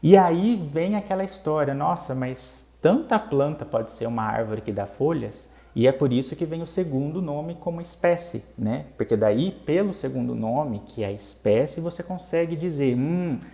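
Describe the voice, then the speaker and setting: A man's voice: on the high side, lively intonation, moderate pace, vocal fry, few pauses, warm tone. A man with a Brazilian Portuguese accent who hosts a plant channel, patiently explaining a topic step by step in a casual lesson and often checking in with his viewers. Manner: patient, explains step by step, tags lines with "né?" and "tá bom?".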